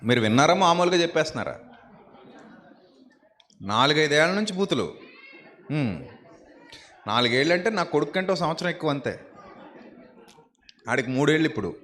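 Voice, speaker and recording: A man from the Godavari region preaches to his congregation in a fairly high voice. He keeps circling back with the same pointed questions, repeating phrases to drive each point home. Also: big pitch swings, brisk, long pauses, a bit bright, slight background noise. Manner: repeats himself and fires rhetorical questions at the congregation. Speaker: pastor. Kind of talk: sermon.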